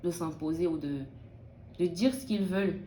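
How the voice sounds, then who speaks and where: A young woman from Benin studying early childhood education answers interview questions thoughtfully and hesitantly, restarting often. Her fairly low, warm voice moves at a normal speed, in an echoey room with a little hiss or hum.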